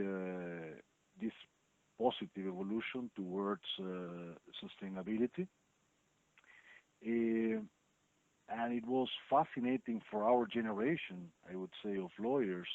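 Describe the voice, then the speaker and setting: A man in his fifties from Chile, giving thoughtful interview answers with many pauses and fillers. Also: medium pitch, gravelly, no room sound. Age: 50s. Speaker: chief legal officer, guest. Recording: dry, tinny phone-like sound.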